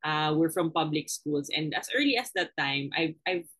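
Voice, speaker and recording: A young Filipino woman with a Filipino accent, speaking earnestly and reflectively as an interview guest, with frequent pauses and fillers. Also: low-pitched, lively intonation, fairly bright tone, slightly rough, poor audio. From Philippines. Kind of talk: conversational interview.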